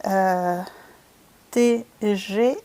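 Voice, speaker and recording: A woman's voice: medium pitch, steady tone, drawn-out words, dark tone. A woman chatting casually while painting, thinking aloud and answering viewers' comments in a playful put-on accent. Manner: playful, puts on a random accent. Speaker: streamer painting with watercolors.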